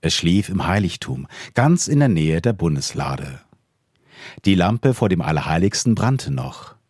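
Deep voiced guy reading a bible story slow, dry close sound. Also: very animated, darkish tone, slightly rough, dry recording. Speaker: scripture reader.

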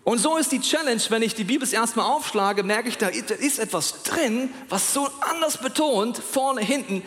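A man preaching a sermon in an animated way, speaking straight to his listeners with questions. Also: very high voice, moderate pace. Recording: long hall reverb.

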